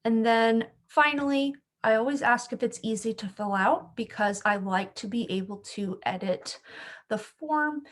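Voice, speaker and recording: A young adult woman, a school speech-language pathologist, explaining a form step by step in a friendly, steady way. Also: fairly high pitch, measured pace. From California. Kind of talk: screen-share tech tutorial.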